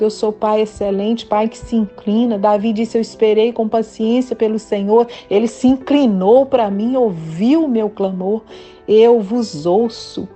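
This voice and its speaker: A woman's voice: medium pitch, dark tone. A woman preacher, giving a fervent prophetic sermon that breaks into speaking in tongues.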